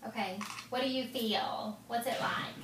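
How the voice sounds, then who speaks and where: A woman audiologist with a slightly high voice talks calmly and reassuringly, checking in often with her patient. She sounds echoey and distant in a clinic exam room, with steady background noise. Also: unhurried. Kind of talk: clinical instructions.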